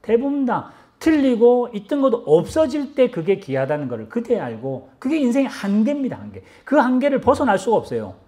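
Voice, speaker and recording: A man preaching a sermon as pastor, animated, acting out quoted lines and often repeating words as he searches for them. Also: very high-pitched, brisk, few pauses.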